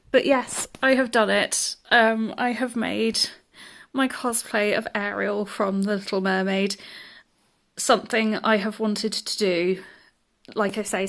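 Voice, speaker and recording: A young woman chatting casually in a vlog, bubbly and excitable, with lots of "um" and "like". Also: fairly high pitch. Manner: bubbly and excitable, many "um" and "like" fillers. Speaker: cosplay vlogger.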